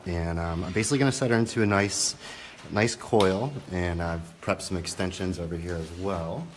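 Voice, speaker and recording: Male hair cutter, deep voice, informal and a little hesitant, noisy background. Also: moderate pace. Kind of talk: casual demonstration. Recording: clear background salon noise.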